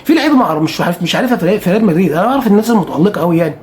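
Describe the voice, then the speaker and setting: A man's voice: sits high, expressive, racing, a little mellow, slight background noise. A man with an Egyptian Arabic accent, a football fan streamer talking casually to camera, repetitive and emphatic, swearing oaths.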